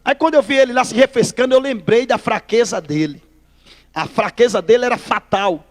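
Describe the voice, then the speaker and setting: A preacher from Northeast Brazil, his voice extremely high and a little fast with a long reverb tail, gives his testimony as part of a sermon. He dramatizes the dialogue as a lively storyteller and addresses the congregation as brother.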